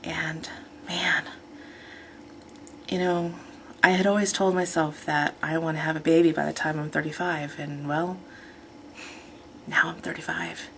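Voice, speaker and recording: A woman's voice: sits low, fairly even intonation, measured pace, gravelly, long pauses, fairly bright tone, a little hiss or hum. A woman in her thirties talking casually in a rambling, chatty personal vlog, often correcting herself. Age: 30s. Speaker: vlogger.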